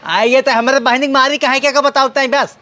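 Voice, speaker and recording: A woman's voice: high-pitched, fairly even intonation, fairly quick, a bit bright. A woman playing a belligerent, boastful drunk village husband with an Awadhi accent in an amateur comedy sketch, drawling out threats.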